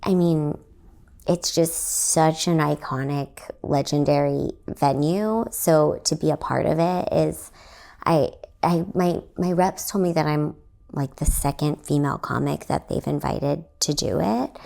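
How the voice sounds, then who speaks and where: On her casual solo podcast, a young Texan comedian tells a rambling story stuffed with filler words. She takes her time, speaking in a low-pitched, mellow voice with vocal fry.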